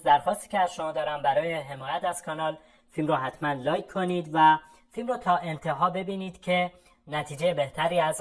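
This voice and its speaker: A woman leads an English lesson. She explains quickly and speaks to her viewers directly, then slows right down to say each model sentence clearly. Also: low-pitched, low-quality recording. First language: Persian. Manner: slow, drawn-out model sentences between brisk explanations. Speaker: English teacher. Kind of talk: online language lesson.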